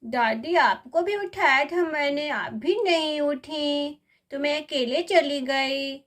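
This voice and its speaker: Woman voicing a scared little girl, stammering, wailing, high voice. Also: takes it slowly, a bit bright. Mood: timid. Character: frightened little girl, crying for her mother. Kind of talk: doll story voice acting.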